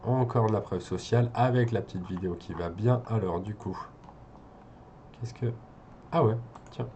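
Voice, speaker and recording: A man with a lowish, mellow voice talks his way through a website review as an SEO consultant. He thinks aloud, hesitating often, restarting phrases and filling gaps with drawn-out fillers. The tone is casual and exploratory rather than scripted. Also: lo-fi sound, slight background noise.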